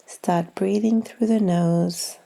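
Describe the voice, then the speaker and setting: Speaking in a lowish, gravelly voice with a steady tone, this woman leads a guided yoga nidra session. She is soft, gentle and unhurried, pausing at length as her phrases fade toward breathiness.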